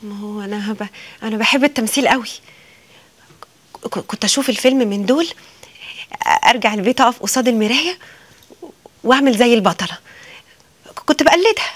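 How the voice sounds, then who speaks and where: A pleading would-be actress. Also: female voice, a little high, a bit bright. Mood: shy. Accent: Egyptian Arabic. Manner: pleading, rapid and breathless. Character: eager young woman desperate to act.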